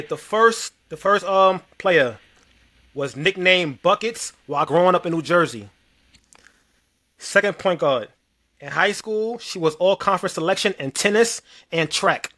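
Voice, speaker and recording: A man's voice: on the high side, pushed and bright. A man co-hosting a casual podcast chat, explaining a game loosely and repeating himself as he goes. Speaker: podcast host.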